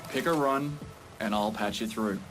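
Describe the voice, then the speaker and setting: An actor playing a chatty part-machine trader in video game dialogue, genial and sighing. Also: male voice, lowish voice, moderate pace, music in the background, close to an everyday voice, rough recording. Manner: chatty and genial, sighs a lot.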